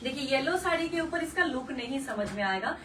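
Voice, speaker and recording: High-voiced woman selling sarees live. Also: expressive, a little fast, a bit bright, recorded from a distance, a little hiss or hum, low-quality recording. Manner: gushing, repetitive, mixes English color words into Hindi. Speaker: saree seller hosting a live sale. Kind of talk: live-stream sales pitch.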